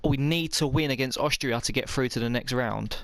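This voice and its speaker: Excitable young man commentating a game. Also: mid-range voice, fairly quick, no echo. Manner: excitable, talks to himself while playing. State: out of breath. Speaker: gaming commentator. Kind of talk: video game play-by-play commentary.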